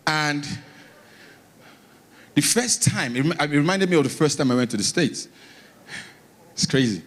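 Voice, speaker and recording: Animated Nigerian man doing stand-up. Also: on the high side. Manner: animated, acting out bits with dramatic pauses and repeats. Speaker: stand-up comedian. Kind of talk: stand-up comedy storytelling to an audience. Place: live comedy stage before an audience.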